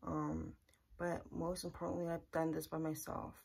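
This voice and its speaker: Talking straight into a close camera in her small bedroom, a young female vlogger is earnest, plain-spoken and repetitive. She has a deep, flat voice at normal speed, with vocal fry, a slightly mellow quality and a breathy edge.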